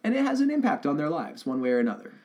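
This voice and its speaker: A man's voice: fairly high pitch, very animated, racing, darkish tone, lo-fi sound. A man co-hosting a casual chat about faith and religious stories, wry and playful, who now and then drops into silly voices. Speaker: podcast co-host.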